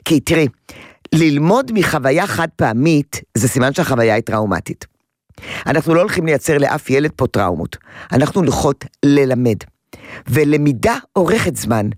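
A woman's voice: deep voice, dry recording, studio quality. A woman advising a caller on parenting, emphatic and repeating words for stress. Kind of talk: radio call-in advice.

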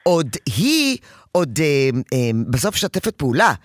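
A woman counseling a parent in an emphatic, animated advice session. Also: sits low, no room sound.

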